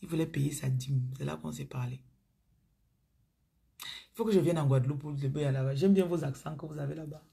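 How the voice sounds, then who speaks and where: A woman's voice: low voice, normal speed, vocal fry, long pauses, mellow, slightly rough. A woman with a Cameroonian accent preaching on a live stream, chatting with viewers by name and often dropping into murmurs and whispers. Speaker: spiritual coach on a live stream. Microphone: phone.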